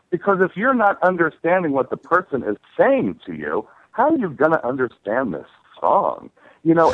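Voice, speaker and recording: A man with an announcer-like voice and clear diction, talking conversationally as a singer being interviewed. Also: medium pitch, dry recording. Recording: narrow phone-like line.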